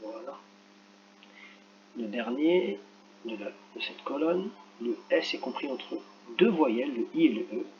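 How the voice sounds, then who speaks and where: A male teacher correcting a reading exercise for children, talking slowly and carefully and spelling out each sound as he works. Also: mid-range voice, expressive, lo-fi sound, a little hiss or hum. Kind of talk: screen-recorded lesson correction.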